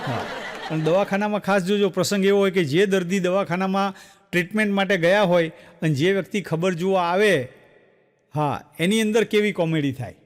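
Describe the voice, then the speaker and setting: A man with a Gujarati accent telling jokes on stage as a stand-up comedian, animated and acting out the voices in his stories. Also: high-pitched, fairly quick, long reverb tail.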